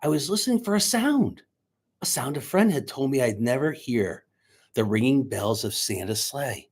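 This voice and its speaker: A man speaking to schoolchildren as their teacher, reading a storybook aloud in an expressive, dramatic way. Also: medium pitch, normal speed, breathy edge. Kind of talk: children's storybook read-aloud and chat to pupils. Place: indoors, recorded remotely on video.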